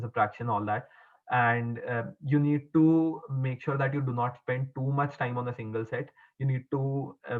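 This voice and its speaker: Hesitant young man, tinny phone-like sound. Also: medium pitch. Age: young adult. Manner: hesitant, halting, with frequent stumbles and repeats. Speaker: exam topper giving advice as interviewee. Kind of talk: formal interview answers. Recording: muffled, phone-like narrow band.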